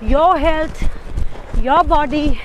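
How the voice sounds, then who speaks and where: A woman speaking in short measured phrases while jogging outdoors, chatting casually for a vlog. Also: sits high, low-quality recording. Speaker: health and fitness coach. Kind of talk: casual running vlog chat. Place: outdoors on a hilly mountain road. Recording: clear outdoor background noise.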